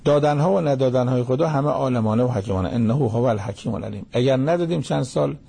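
Older male preacher, gravelly and husky, recites verses then explains them plainly. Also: mid-range voice, dark tone. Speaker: Quran teacher. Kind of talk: sermon-style Quran commentary.

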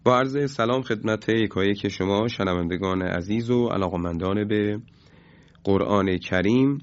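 Measured male recitation teacher, muffled recording. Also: on the low side. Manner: measured, explanatory, with hesitant fillers. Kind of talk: recorded lesson. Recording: dull lo-fi recording.

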